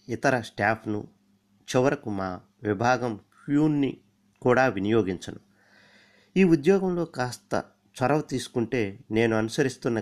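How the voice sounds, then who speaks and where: A middle-aged man reading a first-person story aloud, with a measured and steady delivery. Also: medium pitch.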